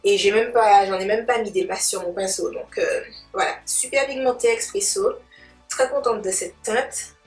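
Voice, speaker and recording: With music behind her and a distant mic in a roomy space, a woman demonstrates makeup in a casual tutorial. She chats playfully in slang, addressing viewers like friends. Her voice is medium-pitched at a moderate pace.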